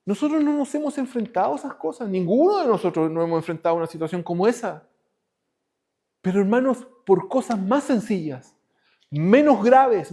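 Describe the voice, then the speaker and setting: Man, pastor, sermon, high voice, emphatic then hushed. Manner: preaching, moving between raised emphatic lines and hushed ones.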